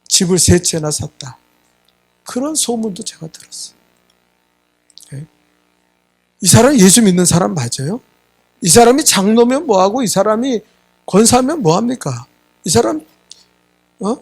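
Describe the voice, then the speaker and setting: This Sunday sermon comes from a middle-aged male pastor whose high voice carries vocal fry and a darkish tone. Speaking emphatically, he keeps asking the congregation "예?" and performs quoted voices as he recounts dialogue.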